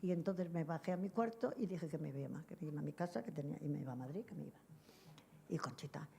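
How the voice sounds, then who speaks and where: A woman's voice: low voice, expressive, quick pace, vocal fry, mellow, a little hiss or hum. An older woman recalls old times for an interviewer in a meandering, chatty way. She digresses often and drifts off topic. She acts out snatches of other people's dialogue and laughs easily as she talks. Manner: rambling, digressive storytelling with frequent laughs. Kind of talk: reminiscing anecdotes in an interview.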